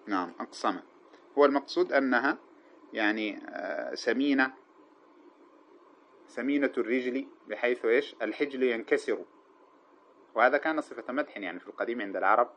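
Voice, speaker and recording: A man gives a grammar lesson at a brisk clip. He keeps asking his class questions and answering them himself, and he chants the quoted verses slowly. The recording is dull and muffled. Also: medium pitch, fairly bright tone, a little hiss or hum. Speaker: teacher of Arabic grammar. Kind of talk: classroom explanation of a grammar text.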